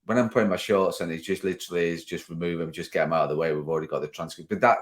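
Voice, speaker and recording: Man, podcast host, relaxed chat, low voice, conversational. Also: very fast. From northwest England. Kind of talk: casual podcast interview.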